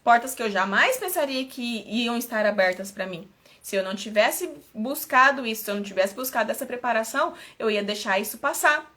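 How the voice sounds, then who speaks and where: A woman's voice: a little high, animated, fairly quick, pushed and bright. A woman from Brazil, a mentor giving an earnest, personal motivational talk on a live stream, often repeating and restarting her phrases.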